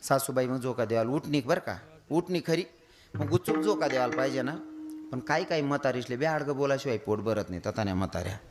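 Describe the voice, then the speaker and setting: A man's voice: mid-range voice, lively intonation, fast. A man giving a comic devotional sermon on stage, telling stories and mimicking wailing women. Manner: storytelling with mimicked wailing voices. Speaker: kirtan preacher.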